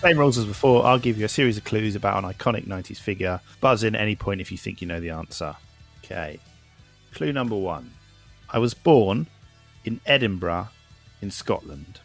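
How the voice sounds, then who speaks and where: A man hosts a football quiz and reads each clue in a measured, even way. His voice sits low. Faint music plays behind him. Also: creaky. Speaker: quiz host.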